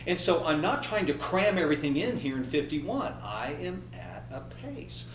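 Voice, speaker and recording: Animated fifty-something man coaching a group. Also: fairly high pitch, moderate pace, roomy sound, distant mic, slight background noise, poor audio. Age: 50s. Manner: animated, acts out inner voices and laughs. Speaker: trainer. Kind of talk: motivational workshop talk.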